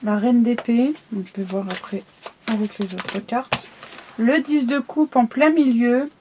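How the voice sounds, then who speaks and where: A woman's voice: a little high, steady tone, measured pace, darkish tone, a little hiss or hum. A woman with a lisp from new dental braces, giving a casual, conversational tarot reading and often checking that the listener follows. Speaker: tarot card reader.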